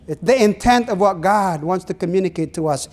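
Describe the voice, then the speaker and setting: A middle-aged Filipino pastor whose first language is Ilonggo preaches an earnest sermon from the pulpit of a small church, with a Filipino accent. His voice sits high and is somewhat mellow with lively intonation, and he draws out phrases and asks the congregation questions.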